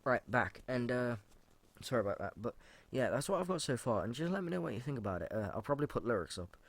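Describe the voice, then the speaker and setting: A man's voice: mid-range voice, sing-song, fast, no room sound. A man hosting a casual solo podcast, rambling informally with fillers, restarts and casual swearing, and reading out his own rap lyrics. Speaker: podcast host.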